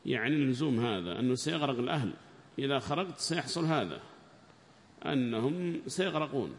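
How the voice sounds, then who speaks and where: A man's voice: mid-range voice, lively intonation, brisk. Man teaching a tafsir lesson in a hall. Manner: reads text aloud in a raised voice, then explains quietly. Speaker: Islamic scholar teaching tafsir. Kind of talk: classroom lesson commentary.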